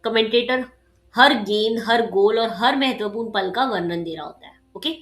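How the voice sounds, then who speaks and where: A woman tutor with a slightly sharp voice, giving a casual exam-prep lecture. She explains with everyday examples and keeps checking in with "ठीक है" and "okay". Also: on the high side, normal speed, echoey room.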